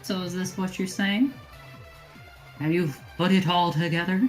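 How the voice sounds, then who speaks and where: A low-voiced woman narrates as game master, relaxed and wry, with easy laughter between her lines. Faint music runs in the background. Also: measured pace. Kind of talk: narrating an online role-play.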